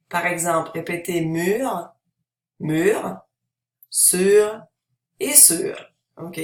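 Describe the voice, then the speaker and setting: A woman teacher giving a French pronunciation tutorial, modeling words slowly, checking in with "ok?" and filling pauses with "euh". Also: low voice, creaky. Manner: slow, deliberate modeling of words, switching between French and English explanations; frequent "ok?" checks and "euh" fillers. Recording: roomy, distant mic.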